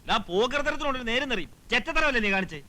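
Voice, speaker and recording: An actor playing a quick-tempered married village man who scolds and complains indignantly. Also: sits high, expressive, bright, forceful tone. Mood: puzzled. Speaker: film character, a family man. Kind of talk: 1990s film comedy acting.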